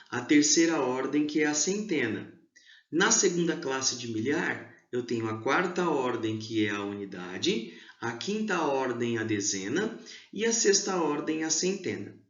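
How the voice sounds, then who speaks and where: A male teacher giving an exam review lesson to schoolchildren, explaining slowly and stressing key syllables. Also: mid-range voice, a bit bright. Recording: echoey room, dull lo-fi sound.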